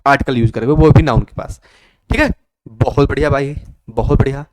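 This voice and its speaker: A man teaching an English grammar lesson, coaxing students and repeating their answers in a lively classroom manner. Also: mid-range voice, brisk, no room sound.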